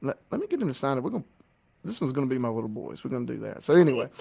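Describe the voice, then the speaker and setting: A man's voice: medium pitch, very animated, gravelly, warm tone, slightly rough, no room sound. A man hosting a casual podcast, eager and prone to going off on tangents. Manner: eager, talks fast and gets on tangents. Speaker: podcast host.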